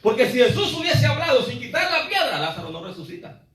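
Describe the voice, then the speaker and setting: A man preaching in a church, his high voice ringing through a roomy, echoing sanctuary. He drifts away from the microphone at times, rising to loud cries and then dropping to low asides. The congregation is called brother again and again. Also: sing-song, fairly quick, recorded from a distance. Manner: preaching with swings between loud exclamations and low asides, often saying "hermano". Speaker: pastor. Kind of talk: sermon. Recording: echoey church hall, preacher off the mic.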